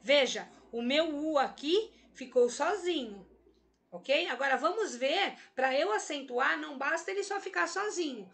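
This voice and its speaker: A woman's voice: high-pitched, animated, measured pace, gravelly, fairly bright tone. A woman teaching a grammar lesson, patient and methodical, often checking that her students follow. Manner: patient, repeats and checks understanding. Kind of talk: explanatory lesson.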